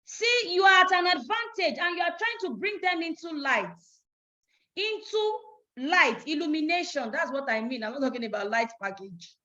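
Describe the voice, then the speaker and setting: A woman's voice: high voice, bright, forceful tone. Emphatic Nigerian woman sales trainer. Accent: Nigerian English. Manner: emphatic, preachy, acts out phone calls. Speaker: business trainer. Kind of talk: motivational sales training talk. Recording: dull lo-fi recording.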